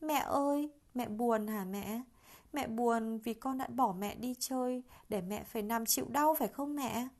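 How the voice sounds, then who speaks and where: A woman voicing a small young monkey child in a storybook, anxious and loving, with a high, loud childlike voice. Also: a little slow. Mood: tender.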